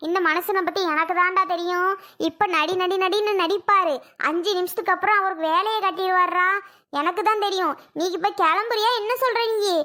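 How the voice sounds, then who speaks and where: A woman's voice: extremely high pitch, fairly even intonation, a little fast, bright, forceful tone. A woman voicing an indignant older mother in a cartoon, scolding and wailing at her family.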